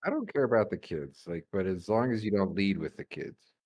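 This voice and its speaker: Young man, very low husky voice, easygoing gaming chat. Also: animated, brisk, a little mellow, no room sound. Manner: laid-back, rambling, casual swearing. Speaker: gamer chatting with a friend. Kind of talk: casual voice chat while gaming.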